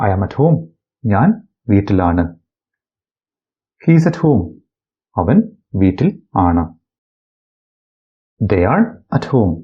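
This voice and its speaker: A man from Kerala teaches a bilingual phrase lesson. He reads each sentence slowly and deliberately, then translates it. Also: fairly low pitch, slightly rough, dull audio. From Kerala, India. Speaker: English teacher.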